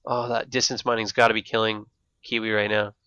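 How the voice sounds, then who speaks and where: A man with a lisp and slushy s sounds, giving excitable live esports commentary and thinking aloud. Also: on the low side, fairly quick, clean tone, no room sound, dull audio. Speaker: esports shoutcaster. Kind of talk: live StarCraft match commentary.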